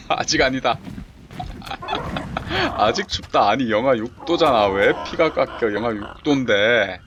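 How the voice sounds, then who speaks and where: A man's voice: mid-range voice, moderate pace, muffled recording. A man giving casual running commentary while playing a survival game, talking to himself and urging on the creatures. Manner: talks to himself and the game creatures, excited exclamations. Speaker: game streamer. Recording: clear background game noise.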